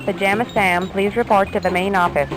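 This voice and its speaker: A woman making a formal paging announcement over a PA loudspeaker, in a calm, even tone. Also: mid-range voice, a little fast, over music, poor audio. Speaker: public address announcer.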